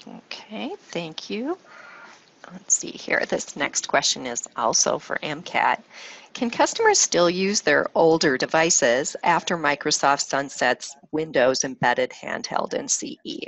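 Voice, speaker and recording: Low-voiced woman moderating a webinar. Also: very animated, creaky, fairly bright tone, poor audio. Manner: brisk, reads out questions.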